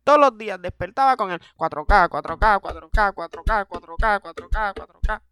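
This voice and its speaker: A young Puerto Rican man hosting a comedy podcast, talking in an exaggerated, self-mocking rush of slang. His voice sits fairly high. The sound is close and dry, with no room echo. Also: lively intonation, moderate pace, bright, forceful tone, clean tone, faint music behind. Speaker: podcast host. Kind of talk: comedic monologue.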